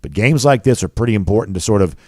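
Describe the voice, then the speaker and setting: Male sports show host, lowish register, dry studio-close sound, conversational college football analysis with stressed key words. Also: expressive, fast talker, warm tone, no room sound.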